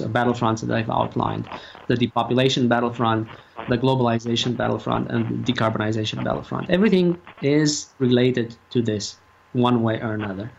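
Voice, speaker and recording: A man giving opinions as a radio interview guest, speaking haltingly and emphatically and repeating his phrases. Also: medium pitch, creaky. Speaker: talk show guest and activist. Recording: muffled lo-fi audio, faint noise.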